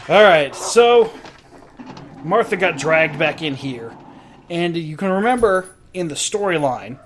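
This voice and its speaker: A man's voice: a little high, lively intonation, a little slow, a bit bright, slight background noise. A young man hosting a let's play, explaining the game in casual, profane commentary with frequent laughs. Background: game music.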